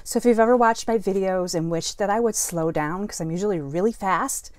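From her craft room, a middle-aged woman leads a live card-making class, greeting viewers and chatting while she demonstrates, though she feels a bit foggy and slow today. Her mid-range voice is a little mellow, and the recording is dry.

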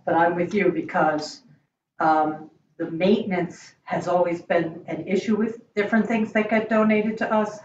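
Halting woman in an echoey meeting room. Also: on the low side, fairly even intonation. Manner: hesitant, halting, measured explaining. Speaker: library board member. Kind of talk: deliberative meeting discussion. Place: indoor meeting room around a large table. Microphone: far room mic on a video call. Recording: echoey room, distant mic, dull, faint noise.

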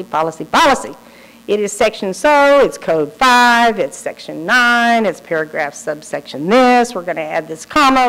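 A woman's voice: mid-range voice, poor audio. Woman telling stories in a lecture. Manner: lively storyteller acting out quoted people. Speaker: speaker. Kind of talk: lecture with storytelling.

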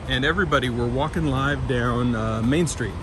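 A man with a Southern twang talks casually to his live chat while walking a city street. His voice sits at an ordinary middle pitch. Loud traffic and street noise surround his phone mic. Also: moderate pace. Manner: friendly, greets chat viewers by name, chuckles. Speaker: live-stream walking host. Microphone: phone carried while walking.

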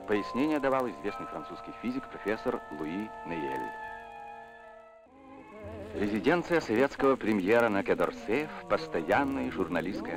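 A man's voice: fairly low pitch, rough recording. A man narrating a 1960s newsreel with a formal, declamatory announcer delivery, old newsreel sound. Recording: narration over loud music.

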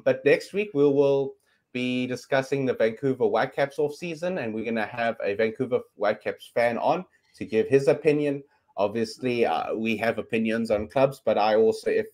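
He's a South African man in his thirties, Afrikaans his native tongue, hosting a relaxed sports talk show over a video call from his bedroom, picked up by a webcam. Medium-pitched and darkish, at normal speed, he chats on and rambles, filling pauses with ums.

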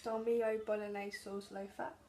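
Young woman vlogger, chatty label-reading haul talk, slight gravel, echoey kitchen with noise behind. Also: medium pitch, little pitch movement, normal speed, dark tone. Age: young adult. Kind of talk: casual grocery haul vlog. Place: small home kitchen, indoors. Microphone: camera at arm's length.

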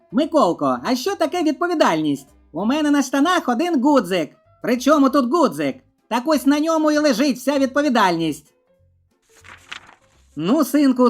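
A woman reading a string of short jokes, dropping her voice low for the male characters. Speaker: joke narrator.

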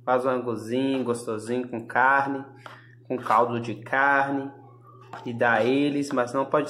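A Brazilian pet owner speaking to the camera in affectionate baby talk while feeding the dogs at home. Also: mid-range voice. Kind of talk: casual pet vlog narration. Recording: echoey room with noise. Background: dogs barking and growling.

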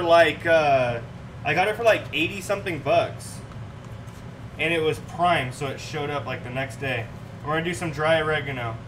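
Young guy doing a home cooking stream, kinda high voice, mic a ways off, ac hum and dishes clanking. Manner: laid-back, chatty, talks to viewers in chat while cooking. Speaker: cooking show host. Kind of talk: casual livestream cooking chat. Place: home kitchen, indoors. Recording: distant mic with clear room noise.

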